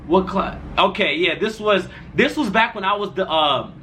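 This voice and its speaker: High, bright-voiced young man telling a story. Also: expressive, normal speed, slight background noise. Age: young adult. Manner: rambling, loose slang-filled delivery. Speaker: storytime vlogger. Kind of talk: casual storytime.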